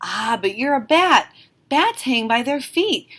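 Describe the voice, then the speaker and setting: Woman as a loud, brash storybook bat. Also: on the high side, big pitch swings, a little slow, voice pushed up, heavily acted. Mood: correcting. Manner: loud, matter-of-fact. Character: brash, puzzled bat stranger correcting a youngster.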